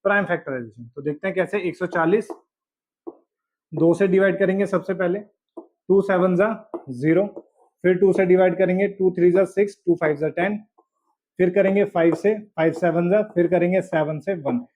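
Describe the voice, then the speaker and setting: High-voiced man teaching math step by step. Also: moderate pace. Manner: explains step by step, checks in with "ठीक है". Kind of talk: board-exam math lesson. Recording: dull lo-fi audio.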